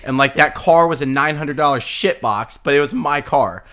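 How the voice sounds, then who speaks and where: A man's voice: a little high, moderate pace. A young man in his twenties on a podcast, casually telling a story with lots of swearing and laughter. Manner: profane, laughing, animated retelling. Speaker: podcast co-host.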